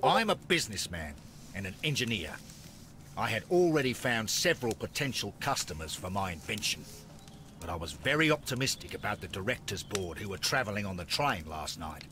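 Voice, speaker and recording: A pompous, bright-voiced businessman. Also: fairly low pitch, very animated, brisk, a little hiss or hum. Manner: pompous, self-important. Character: pompous self-important male businessman and inventor.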